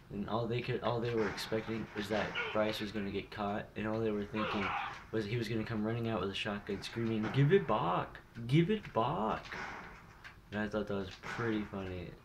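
Young male gaming YouTuber, lowish voice, swears a lot, rambles and gets excited, clear noise under the voice. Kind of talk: gameplay commentary.

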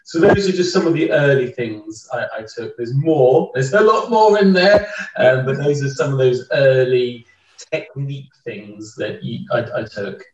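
A man with a mid-range voice speaks at a measured pace, recorded on a dull remote mic that sounds roomy and distant. As a podcast guest, he discusses a book thoughtfully and casually, restarting his sentences often.

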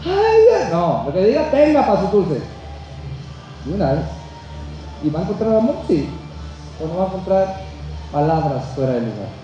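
A man preaching a sermon. He swings between shouted climaxes and low, quiet passages and puts rhetorical questions to his congregation. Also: sing-song, moderate pace, pauses often, highs cut off. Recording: very echoey church hall with music behind.

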